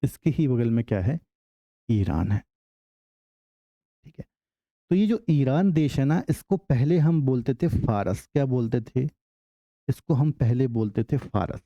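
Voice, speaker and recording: A man's voice: mid-range voice, animated, unhurried, long pauses, no echo, muffled recording. A male teacher giving an exam-prep geography lecture, often asking the class a question and then answering it himself.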